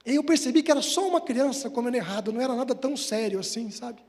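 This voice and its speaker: A man's voice: extremely high pitch, animated, rapid-fire, darkish tone. A man giving a Spiritist lecture, telling a personal story in an emotional, conversational way and speaking directly to his audience. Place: hall of a Spiritist center. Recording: long hall reverb.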